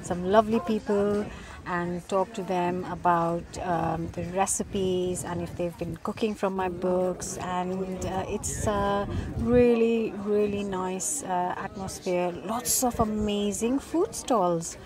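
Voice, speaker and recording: A middle-aged woman food vlogger narrating casually and unscripted, with frequent ums and pauses. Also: mid-range voice, fairly even intonation, crowd noise. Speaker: food vlogger and cookbook author. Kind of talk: casual vlog voice-over narration. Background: music behind the voice.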